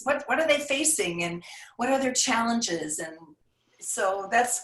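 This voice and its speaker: A woman, a sales coach guest, explaining things in a measured, thoughtful way on a video call. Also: mid-range voice, a bit bright. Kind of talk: podcast interview. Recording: roomy sound, distant from mic.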